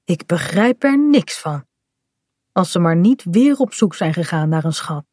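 A woman's voice: lowish voice, animated, unhurried, mellow, no room sound, studio quality. A woman reading a storybook aloud, voicing a kindly father who teases the children. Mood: teasing. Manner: mock-puzzled, calling out.

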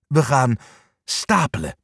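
A man's voice: mid-range voice, big pitch swings, takes it slowly, creaky, fairly bright tone, breathy edge, dry recording, clean studio sound, exaggerated voice. A man voicing a brave, bossy male dog who leads the group and urges the others on. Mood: urging. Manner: urging, commanding.

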